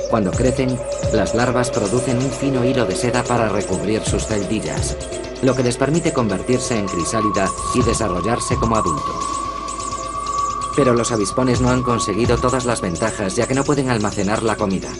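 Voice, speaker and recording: Male nature documentary narrator, lowish register, measured and explanatory, music playing underneath.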